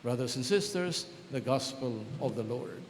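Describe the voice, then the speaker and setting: A man reading the Gospel as a priest, in a formal, solemn and measured liturgical manner, in a large church. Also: medium pitch, animated, a loud crowd. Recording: cathedral-like echo, long reverb, background noise.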